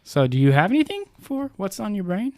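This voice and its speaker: A man co-hosting a podcast in casual chat, sarcastic and profane, quick to laugh. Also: high voice, very animated, no echo, studio quality. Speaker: podcast co-host.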